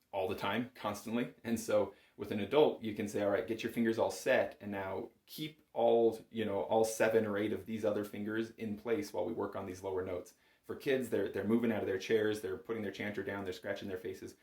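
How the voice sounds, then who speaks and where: Fairly low and a little mellow, a man's voice guides a bagpipe lesson in a small indoor home music room, where the sound echoes. He's conversational, patient and encouraging, breaking everything down step by step.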